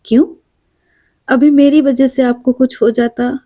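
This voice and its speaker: A woman's voice: high-pitched, steady tone, measured pace, warm tone, no room sound, clean studio sound, pitched above the performer's own voice. A woman voicing a fretful, self-reproaching young woman in a storybook reading, her tone plaintive. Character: anxious self-blaming young woman on train.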